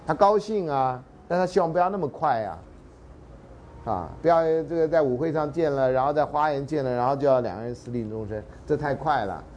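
A man's voice: mid-range voice, fairly quick, muffled recording. Taiwanese guy lecturing a class, voice jumps all over, joking around, bit of hiss behind. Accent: Taiwanese Mandarin. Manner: animated and joking, drops into dramatic readings and half-sung lines. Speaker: university lecturer.

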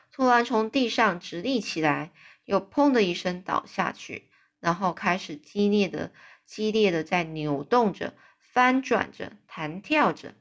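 A woman reads a children's story aloud, in a mid-range voice. She breaks off now and then to explain things in a chatty, loose way, with fillers and small restarts. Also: medium pitch. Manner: animated, adds chatty asides and fillers.

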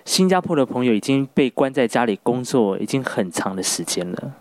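A man's voice: mid-range voice, lively intonation, brisk, a little hiss or hum. A man with a Taiwanese accent hosting a casual podcast interview in a playful, bantering way. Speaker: podcast host, radio broadcaster.

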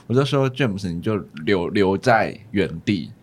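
A man recounting events in casual chat with friends, halting and repeating words. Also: lowish voice, animated. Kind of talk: casual storytelling among friends.

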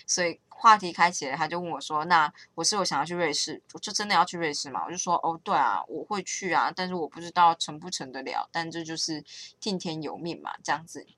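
A woman's voice: low-pitched, fast talker, bright, forceful tone, dry recording. A young woman with a Taiwanese Mandarin accent chatting casually to her viewers, rambling and correcting herself as she talks. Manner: rambling, self-correcting, playful. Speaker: vlogger. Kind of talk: casual chat to camera.

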